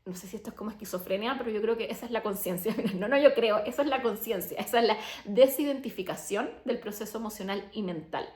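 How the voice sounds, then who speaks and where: A young adult woman and coach telling her personal story in a chatty, animated way, full of "o sea" and "como". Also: medium pitch, quick pace. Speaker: abundance coach and podcaster. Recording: roomy echo.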